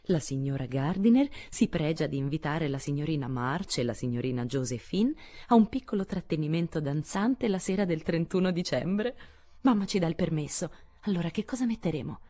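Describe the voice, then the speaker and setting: A woman's voice: low-pitched, lively intonation, fairly quick, mellow. A woman reading an audiobook, voicing a fussy, proper sixteen-year-old girl who frets about appearances. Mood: excited. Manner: anxious, insistent about appearances.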